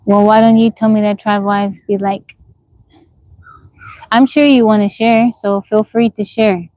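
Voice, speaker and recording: A woman in her forties hosts a casual livestream from the woods, reading viewer comments aloud and answering them frankly, often questioning and repeating herself. Her medium-pitched voice is steady and warm, with a measured pace. The audio is poor, though there's no room sound.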